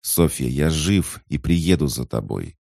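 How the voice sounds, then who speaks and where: Desperate brother, voiced by a man, urgent, voice breaking, gravelly, dry close sound. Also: a bass voice, animated, measured pace, darkish tone, no room sound, heavily acted. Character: desperate young man reaching out to his lost sister.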